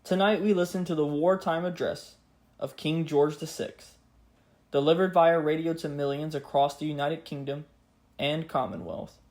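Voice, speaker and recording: A man giving a scripted history narration in a grave, measured, earnest way, as a podcast host. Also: on the high side, steady tone, darkish tone. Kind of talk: scripted history narration with a solemn read-out speech.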